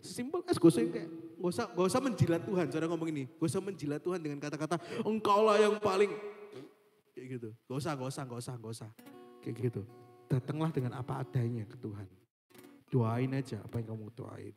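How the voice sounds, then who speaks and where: A man's voice: mid-range voice, fast talker, mellow. A young man, giving a casual devotional talk in a chatty way, often repeating a stock phrase and mixing in English. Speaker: youth devotional speaker. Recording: echoey hall with faint guitar.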